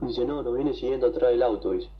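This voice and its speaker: A man with an Argentine accent, telling a story to a radio show, excited and rambling, with coughs and throat clearing. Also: medium pitch, fairly quick, lo-fi sound, a little hiss or hum. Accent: Argentine Spanish. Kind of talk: casual storytelling.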